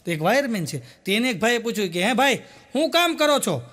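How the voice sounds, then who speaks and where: A man's voice: very high-pitched, very animated, brisk, a bit bright. A man telling stand-up jokes as stories, laughing at his own punchlines. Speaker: comedian.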